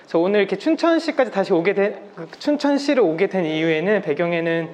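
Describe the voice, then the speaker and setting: A man's voice: sits high, lively intonation, fast, darkish tone. A man in his thirties from South Korea gives a polite, explanatory public lecture, slightly muffled through a face mask. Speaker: guest lecturer. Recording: masked live talk with background noise.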